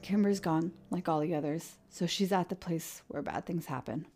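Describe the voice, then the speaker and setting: A woman's voice: low-pitched, moderate pace, mellow, faint music behind. A woman doing a desperate teenage boy. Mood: tearful. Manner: urgent, pleading, emotional. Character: distraught teenage boy, desperate for his friend. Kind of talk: audiobook character voice.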